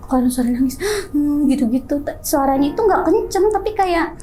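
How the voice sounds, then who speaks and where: A young woman tells a personal ghost story as an interview guest. She talks in an animated way and acts out other people's lines in quoted voices. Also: sits high, brisk. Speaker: guest telling her story.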